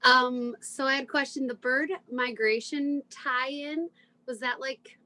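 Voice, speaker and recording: A woman's voice: sits high, fairly even intonation, slow, sharp tone, low-quality recording. A woman, a book club reader, asking an author a question over a video call in a casual, hesitant way, full of likes and ums.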